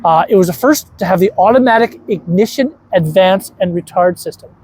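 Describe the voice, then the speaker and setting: Brief: male co-host, relaxed and excited, explains exhibits while walking an indoor museum hall. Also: high voice, fairly quick, husky. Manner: enthusiastic, rambling with many restarts. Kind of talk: casual chat touring a museum.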